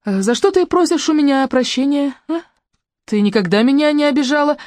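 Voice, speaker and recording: A woman's voice: high voice, lively intonation, a little fast, a little mellow, dry recording, studio quality, pitched above the performer's own voice. A woman reading an audiobook voices a worried young woman pleading anxiously with a friend on the phone. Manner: urgent, anxious.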